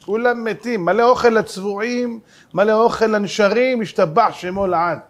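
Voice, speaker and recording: A middle-aged rabbi preaching a lesson, animated and joking, with many rhetorical questions. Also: male voice, high voice. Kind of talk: sermon.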